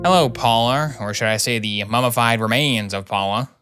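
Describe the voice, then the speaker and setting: A man's voice: mid-range voice, moderate pace, voice pushed down, close to an everyday voice. A man voicing a sardonic, blunt male doctor from a video game, with dry sarcasm. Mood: sarcastic. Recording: music behind the voice.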